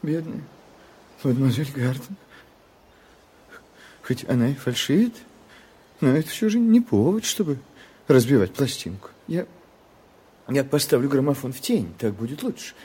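A man's voice: medium pitch, very animated, moderate pace, pauses often, warm tone, breathy edge. An actor playing a polite, reluctant male secretary who stammers and protests in a dubbed film drama. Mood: patient.

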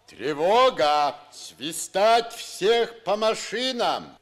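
An actor playing an expressive, declaiming captain in a radio play. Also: male voice, high voice, drawn-out words, faint music behind, full character voice. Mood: shouted squad orders. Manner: expressive storytelling read-aloud. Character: captain reading a letter aloud, then shouting orders.

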